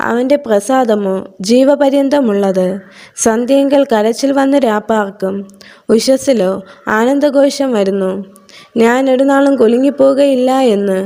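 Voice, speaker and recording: A woman reading scripture aloud for meditation in a calm, measured way. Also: on the high side. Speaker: Bible reader.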